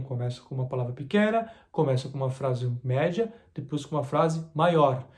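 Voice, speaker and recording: A man's voice: a little high, a little mellow. A man, a language teacher talking casually and enthusiastically to camera, often asking the viewer questions. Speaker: language teacher and video creator.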